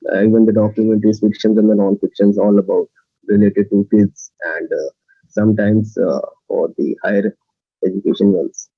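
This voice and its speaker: A male contestant introducing himself on a video call, hesitant with many pauses. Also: on the low side, no echo. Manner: hesitant, lots of uhs. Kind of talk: casual self-introduction. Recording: dull dry lo-fi call audio.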